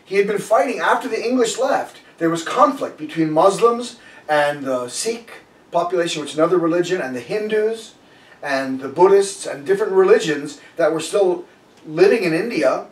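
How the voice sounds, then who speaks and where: A man's voice: sits high, expressive, moderate pace. A man giving a conversational sermon, telling a story in a loose way and often restarting his sentences. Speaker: preacher. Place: church sanctuary. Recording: echoey room, voice a bit far from the mic.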